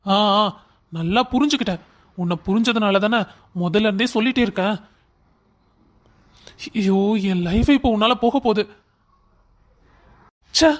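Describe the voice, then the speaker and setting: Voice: medium pitch, moderate pace, long pauses, close to an everyday voice. A performer voicing an irritable young man in a cartoon drama, scolding in an exasperated way.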